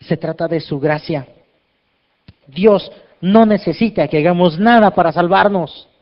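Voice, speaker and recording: A man preaching as a pastor, lively and joking as he asks the congregation questions. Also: high voice, a little slow. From Mexico. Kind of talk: sermon. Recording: dull lo-fi sound.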